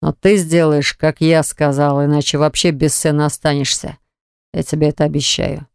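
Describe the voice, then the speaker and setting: A woman narrator voicing a stern, domineering young man who speaks in slow, low, clipped commands. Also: level tone, gravelly, darkish tone, smooth, no echo, studio quality. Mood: menacing.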